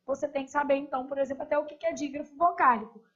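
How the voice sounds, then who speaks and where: A woman's voice: sits high, fairly even intonation, rapid-fire, fairly bright tone, highs cut off. A woman teacher going through exam questions step by step, often checking in with short tag questions. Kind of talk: recorded exam review lesson.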